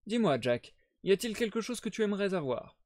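A man playing a sharp, self-assured male detective, in a brisk, reasoning manner. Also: sits high, sing-song, no echo, voice pushed up. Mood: coaxing.

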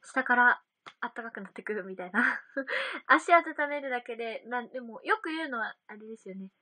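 A woman's voice: a little high, animated, fairly quick, bright, forceful tone, dry recording. A young woman chatting casually on a livestream, reading out viewer comments and giggling often. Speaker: idol livestream host.

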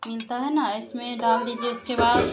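A woman's voice: fairly high pitch, little pitch movement, moderate pace, heavy background noise. A woman, chatting casually in a home vlog, speaking into a phone held at arm's length. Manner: chatty, talks to her children between remarks. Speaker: vlogger. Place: home kitchen and bedrooms, indoors.

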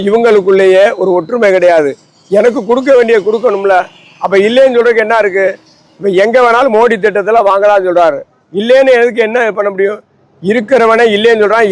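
A man's voice: high-pitched, a little hiss or hum, rough recording. A man speaks as an ascetic holy man, outdoors beneath a tree. His talk is rambling and preachy, circling back to his grievances as he lectures. It is an impassioned interview monologue. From Tamil Nadu.

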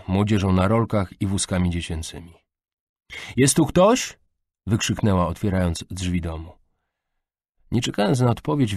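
A man reading a novel aloud as an audiobook narrator, measured and even, into a close studio mic. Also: low-pitched, no room sound. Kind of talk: scripted narration.

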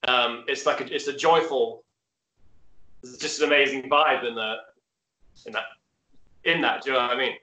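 Bright-voiced Northern English man, echoey room. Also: medium pitch, moderate pace, pauses often. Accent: Northern English (Hull). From Hull, North of England. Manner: rambling, hesitant, laughs at himself. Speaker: host. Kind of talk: casual conversation. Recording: roomy echoey recording.

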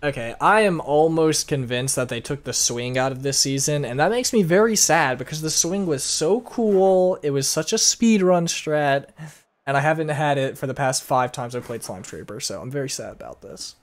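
A man's voice: a little high, lively intonation, moderate pace. A young man streaming a game, chatting playfully with his viewers, humming little tunes and reading chat aloud. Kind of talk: live gameplay commentary. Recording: faint music behind.

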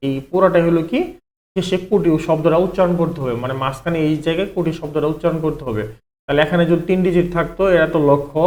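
A man's voice: a little high, darkish tone. A man, teaching an online math lesson step by step, asking questions and then answering them himself. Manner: explains step by step, asks and answers his own questions, repeats "ঠিক আছে".

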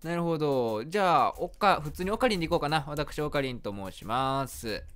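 A game streamer with a Kansai accent plays through a game, narrating its story in a storybook style while reacting aloud and joking at the screen. His voice is on the high side, animated, a little fast, and fairly bright, with a clean tone.

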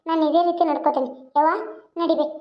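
A woman's voice: high-pitched, steady tone, fast, dull audio, lightly acted. A woman voicing a wise young village woman in a cartoon serial, giving moral advice. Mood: preachy. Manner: preachy, moralizing.

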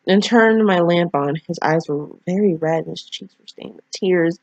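Here a young woman's lowish, slightly mellow voice moves at a normal speed as she reads fan fiction and rambles on with sweary, blunt remarks, frequently interrupting herself. The audio sounds dry and muffled.

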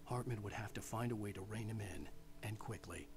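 An actor voicing a male writer hero in a video game, narrating calmly and dryly. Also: lowish voice, fairly quick, music in the background, close to an everyday voice. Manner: calm, dry narration.

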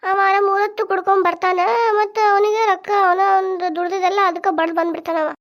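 A woman's voice: very high voice, flat delivery, highs cut off. A woman voicing a middle-aged village wife, who nags and complains about her drunkard husband in a cartoon comedy. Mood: complaining. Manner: nagging, complaining, quick scolding.

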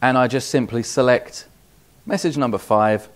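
In a small indoor office demo room, a British man in his forties walks through a product demonstration methodically, step by step. He speaks at a normal speed with a medium-pitched voice over heavy background noise.

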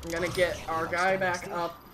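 A woman streamer giving casual live commentary while gaming, chatty, excitable and swearing freely. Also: on the low side, normal speed, noisy background. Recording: game sounds clearly behind voice.

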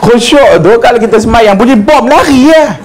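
A man giving a lively, joking religious lecture and acting out the voices he quotes. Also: very high-pitched, normal speed, a little hiss or hum. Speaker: religious teacher. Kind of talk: humorous mosque lecture.

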